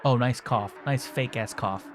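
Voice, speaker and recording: A man's voice: medium pitch, a little slow, music in the background. A man hosting a game playthrough, reading the story aloud dramatically with wry, sarcastic asides. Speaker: gaming host reading aloud.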